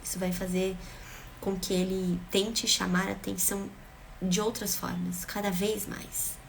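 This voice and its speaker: A woman giving parenting advice in an earnest, emphatic way, driving her points home with repeated phrases. Her voice has a gravelly, creaky edge at a mid pitch. A faint hiss sits under the recording. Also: flat delivery, a little slow. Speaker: parenting vlogger. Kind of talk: direct-to-camera parenting advice.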